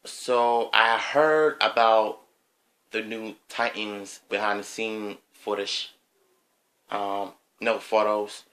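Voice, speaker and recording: A man giving an unscripted opinion monologue on his video channel, hesitant, with frequent pauses, ums and throat clearing. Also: fairly low pitch, steady tone, fairly bright tone. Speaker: vlogger.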